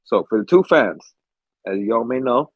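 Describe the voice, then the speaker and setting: Heard on a dry, muffled recording, a young man co-hosting a podcast speaks at a moderate pace in an expressive, medium-pitched voice with a breathy edge. He tells meandering stories and swears freely in relaxed chat. A cold has left him stuffy and under the weather.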